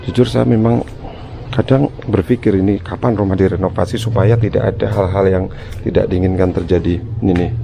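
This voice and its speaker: A man's low-pitched voice comes through clearly noisy outdoor sound as he addresses his viewers in a casual vlog. His delivery is hesitant and uneasy, with a gravelly creak running through it. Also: fairly even intonation, brisk. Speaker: vlogger, channel host. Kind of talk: casual spoken exploration vlog. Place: outdoors around an overgrown empty house. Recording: noisy outdoor handheld recording, ambient hum.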